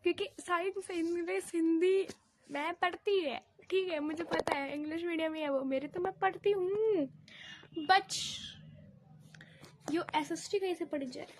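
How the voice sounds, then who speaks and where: A woman's voice: extremely high pitch, unhurried, a little mellow. A teenage girl student ranting in a casual vlog, dramatic and exasperated, repeating herself as she complains. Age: teens. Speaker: student vlogger. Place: at home while studying. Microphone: phone camera.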